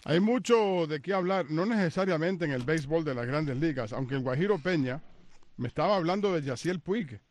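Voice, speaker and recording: A man hosting a sports radio show in the studio, lively and teasing in casual talk. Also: fairly high pitch. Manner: lively, joking, quick to tease.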